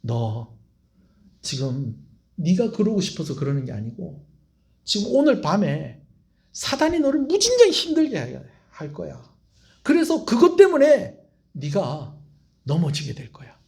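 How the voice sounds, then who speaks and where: A man's voice: high voice, very animated, measured pace, long pauses, exaggerated voice. A man acting out Jesus during a sermon, speaking tenderly and intimately to a troubled disciple. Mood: earnest, urging. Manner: tender, intimate, speaking softly to one person. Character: Jesus, a gentle grown man comforting his disciple. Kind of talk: sermon with acted retelling.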